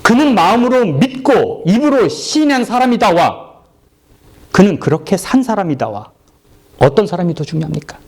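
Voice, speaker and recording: A man's voice: big pitch swings, normal speed, breathy edge. A middle-aged man preaching a sermon as pastor, talking conversationally, asking the congregation questions and acting out characters. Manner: acts out characters in low and high voices.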